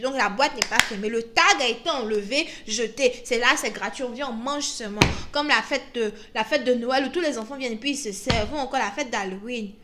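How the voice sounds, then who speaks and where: A young woman giving a casual tarot reading, telling stories in an animated way, laughing often and mixing in English words. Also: fairly high pitch, background noise. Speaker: tarot reader.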